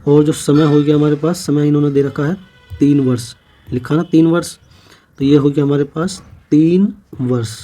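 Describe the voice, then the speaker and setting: Mellow-voiced male maths teacher. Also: on the high side, steady tone, moderate pace, faint music behind. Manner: works problems step by step, repeating each figure as he writes. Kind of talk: exam-prep maths lesson.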